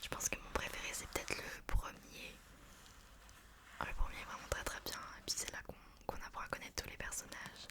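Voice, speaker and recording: A woman speaking in a soft, breathy library whisper, chatting informally in an ASMR book review style. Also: brisk.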